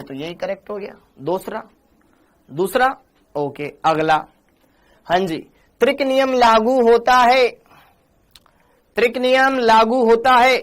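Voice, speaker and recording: Energetic male chemistry teacher. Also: sits high. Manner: greets students by name, calls them beta; energetic, asks the class questions. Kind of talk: live online class.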